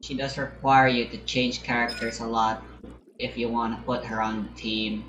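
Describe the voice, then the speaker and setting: Game music plays under this man's casual, meandering gameplay commentary, delivered in an offhand, musing manner. He speaks at medium pitch and normal speed in a monotone, with background noise and a roomy echo.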